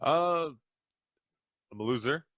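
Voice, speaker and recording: A man's voice: a little high, expressive, takes it slowly, a bit bright, no echo. A man chatting casually as a podcast guest, rambling through stories with a self-deprecating streak. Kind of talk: casual chat.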